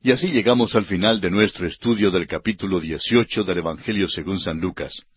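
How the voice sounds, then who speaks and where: Male radio Bible teacher, earnest sermon reading, husky timbre, dull old broadcast sound. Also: lowish voice, no echo. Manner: earnest, addresses the listener directly.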